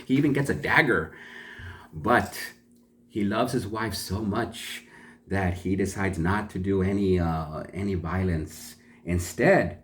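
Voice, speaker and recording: A man's voice: deep voice, a little hiss or hum. A man telling a folk tale for learners in a chatty way, stopping to ask his listeners questions and explain words. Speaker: storyteller.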